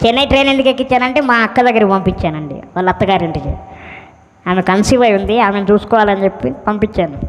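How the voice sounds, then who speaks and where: A man's voice: high voice, lively intonation, fast. A male pastor telling his personal testimony as a sermon, earnestly acting out what others said to him. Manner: earnest storyteller who acts out the voices of others. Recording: long hall reverb.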